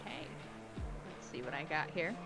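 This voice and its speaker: A woman playing a tabletop game, giggly and animated as she describes her moves. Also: low-pitched, moderate pace, music in the background. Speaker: player. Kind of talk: casual tabletop play.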